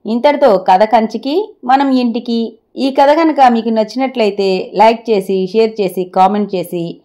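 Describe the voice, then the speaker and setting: A woman storyteller reading moral stories aloud in a measured, friendly manner. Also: on the high side, dark tone.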